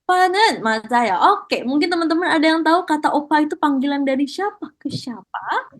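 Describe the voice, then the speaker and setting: A woman's voice: high voice, lively intonation, brisk. A woman teaching Korean in an online class, encouraging students and mixing Korean praise into her explanations.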